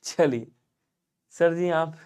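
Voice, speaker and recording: A man from Lucknow, India, teaching a live online exam-prep class. He asks questions and answers them himself, and keeps urging viewers to comment quickly. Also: fairly high pitch, darkish tone, clear, resonant tone. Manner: drills answers by asking and answering his own questions. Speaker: Hindi teacher.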